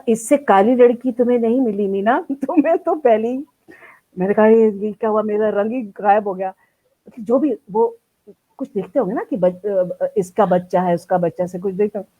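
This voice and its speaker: An older woman, a veteran theatre artist, telling stories from her life in a lively live-streamed interview and acting out the lines she quotes. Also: mid-range voice, breathy edge, poor audio. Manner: animated, acts out quoted lines.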